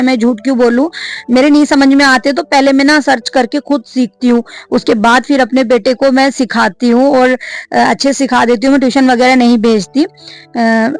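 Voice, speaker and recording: Chatty woman with flat delivery. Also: sits high. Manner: chatty, complaining, many "uh" fillers. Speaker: vlogger, mother. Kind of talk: casual chat to camera.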